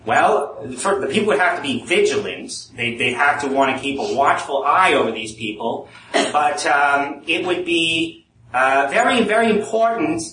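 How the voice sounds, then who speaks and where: A man's voice: a little high, animated, moderate pace, sharp tone, pitched above the performer's own voice. A man playing a smug statist in a 1930s gangster movie accent during a live speech, heard from a distance in an echoey room. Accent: 1930s gangster movie accent put on. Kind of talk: live speech role-play. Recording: echoey room, mic at a distance, faint noise.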